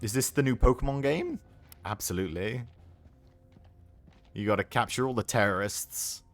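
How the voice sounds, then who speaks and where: A man's voice: mid-range voice, normal speed, faint music behind. A British man streaming a war video game live, joking and chatting with his viewers as he plays. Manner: joking, chatty, reads chat aloud.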